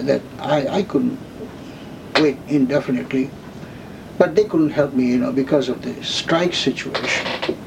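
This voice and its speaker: A man in his seventies from India, slowly telling his life story in an oral history interview, with many pauses and fillers. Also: mid-range voice, noisy background. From India, West Bengal. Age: 70s.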